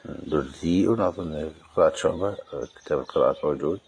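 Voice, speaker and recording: An older man teaching as a sheikh, correcting a student's reading and giving measured, instructive advice. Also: very deep voice, darkish tone, slightly rough. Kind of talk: commenting and correcting a reader.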